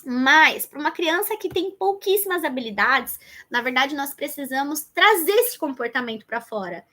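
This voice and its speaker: A woman's voice: high-pitched, pushed and bright. A Brazilian woman teaching an online lesson in a conversational way, addressing viewers directly and thinking aloud as she goes. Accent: Brazilian Portuguese. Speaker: educator teaching child development planning.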